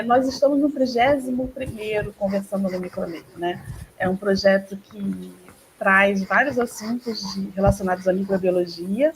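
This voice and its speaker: A woman's voice: mid-range voice, a little hiss or hum, poor audio. A woman with a Brazilian Portuguese accent hosting a live online talk, chatty and full of tag questions. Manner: chatty, frequent tag questions, laughs often. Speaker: host.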